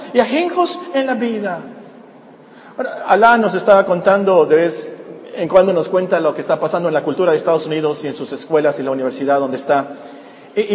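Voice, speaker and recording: A male pastor with a high voice delivers an emphatic sermon, hammering his key words by saying them again. His voice rings through a large, echoing hall with long reverb, over a faint room hum. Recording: roomy echoey hall with faint ambience.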